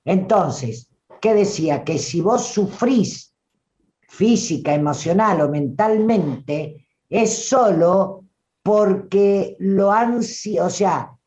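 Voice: medium pitch, expressive, slow, a little mellow. Emphatic Rioplatense spiritual teacher. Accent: Rioplatense Spanish. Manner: emphatic, preachy, full of rhetorical questions. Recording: dull lo-fi recording.

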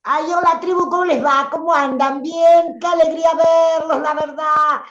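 A woman with a Rioplatense accent voicing a bubbly, overexcited woman who talks high and loud. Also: steady tone, moderate pace, far from the mic. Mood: gushing. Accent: Rioplatense Spanish. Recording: roomy, dull lo-fi sound.

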